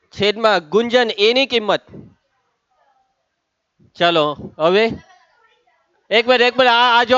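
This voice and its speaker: A man teaches a maths class in a high, clear voice, ribbing his students and calling on them by name as he works through the problems. The sound is dry and close, with slightly dulled highs. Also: fairly bright tone, no echo, highs cut off. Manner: teasing, calls on students by name. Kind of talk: lively classroom lesson.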